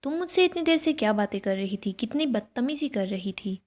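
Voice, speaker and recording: This is a proud young woman who needles and taunts, read out by a woman narrating a serial recap. Her voice is fairly high, and the mocking comes through in the wording more than in any put-on sound. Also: lively intonation, a little fast. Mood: taunting. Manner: mocking, provoking.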